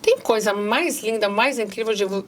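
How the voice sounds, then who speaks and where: A woman's voice: medium pitch, expressive, normal speed, slight background noise. Earnest middle-aged Brazilian woman. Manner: earnest, addresses listeners directly. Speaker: guest. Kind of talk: casual conversation, reading passages aloud.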